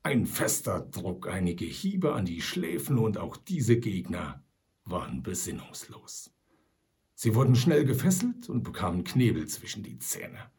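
A man's voice: fairly low pitch, very animated, a little slow, vocal fry, darkish tone. A man narrating an adventure audiobook in a dramatic way, dropping to a whisper at tense moments. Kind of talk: scripted narration.

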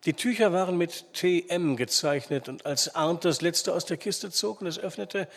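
A man reading an old adventure story aloud in a measured, expressive storytelling manner, in reverberant sound. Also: sits high, gravelly. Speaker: audiobook reader. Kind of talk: audiobook narration.

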